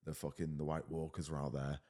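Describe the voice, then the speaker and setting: A man in his thirties with a very low voice, talking as a podcast guest. He tells his stories casually and bluntly, with plenty of swearing. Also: little pitch movement, brisk, darkish tone. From United Kingdom. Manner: swears freely, blunt and chatty. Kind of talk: casual storytelling.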